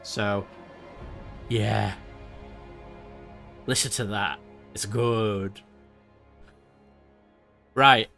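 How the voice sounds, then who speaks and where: A man's voice: lowish voice, fairly even intonation, drawn-out words, vocal fry, long pauses, sharp tone, soft background music. A man chatting casually on a live stream, rambling and laughing often.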